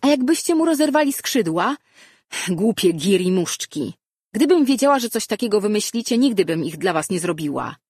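A man puts on a fierce young winged girl for an audiobook, her husky voice pitched high and loud. She scolds in shrill, heated bursts, and the sound is dry and close. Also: measured pace, dry recording, heavily acted. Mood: angry scolding. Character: fiery young winged girl, quick to anger. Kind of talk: audiobook character voice.

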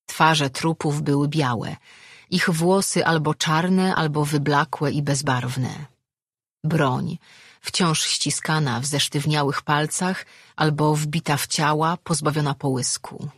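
Husky-voiced audiobook narrator. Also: mid-range voice, takes it slowly, dry recording, clean studio sound. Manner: steady storytelling.

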